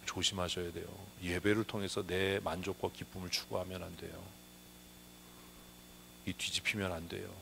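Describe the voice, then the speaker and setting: A man's voice: sits low, level tone, normal speed, gravelly, pauses often, a bit bright. Emphatic preaching man, faint hum. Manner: emphatic preaching with rhetorical questions. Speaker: pastor. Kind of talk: sermon. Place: church sanctuary.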